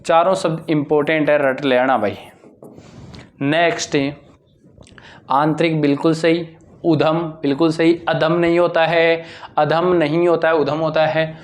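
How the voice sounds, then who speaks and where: A man's voice: fairly high pitch, little pitch movement, unhurried. A male teacher giving an exam-prep grammar lesson, with a lilt, drilling answers and asking and answering his own questions.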